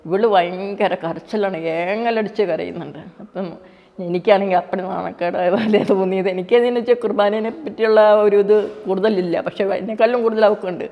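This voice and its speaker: Fast-talking middle-aged mother, echoey. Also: medium pitch, fairly even intonation. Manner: quick, plain speech with frequent restarts. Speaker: mother giving a faith testimony. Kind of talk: personal storytelling. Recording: dull, reverberant, with soft music behind.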